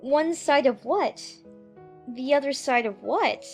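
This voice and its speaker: Woman as timid, well-mannered storybook little girl, earnest delivery, high voice, soft music underneath. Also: expressive, slow, heavily acted. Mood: puzzled. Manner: polite, hesitant, earnest. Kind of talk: dramatized audiobook character acting.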